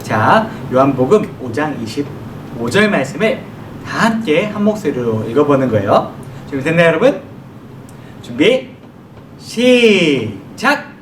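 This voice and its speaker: A man preaches to children in a high voice that swings up and down. He keeps asking the kids questions and answers them himself. The recording sounds roomy and distant, with a low rumble behind it. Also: sing-song, normal speed. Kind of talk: children's sermon. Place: church worship room. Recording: echoey room from far off, noisy.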